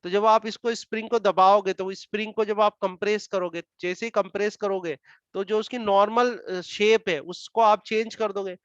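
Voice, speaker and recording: Indian guy teaching physics, high clear voice, dictates defs slowly, kinda muffled dry audio. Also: steady tone, no room sound. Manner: explains slowly, repeating terms, dictates English definitions word by word. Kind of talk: classroom lecture. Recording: dull muffled dry sound.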